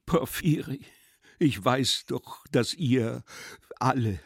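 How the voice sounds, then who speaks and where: A man voicing a drunken, pompous elderly general who talks loudly and stammers. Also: medium pitch, slow, vocal fry, breathy edge, no echo, studio quality, full character voice. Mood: desperate. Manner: loud, faltering, repeats himself.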